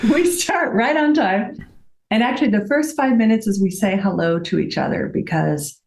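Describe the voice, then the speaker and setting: A woman who founded a fitness company, talking in an upbeat, rapid-fire way and laughing often as a podcast guest. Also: on the low side, darkish tone. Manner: rapid-fire talker who calls herself an auctioneer. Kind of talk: conversational interview. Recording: roomy echo.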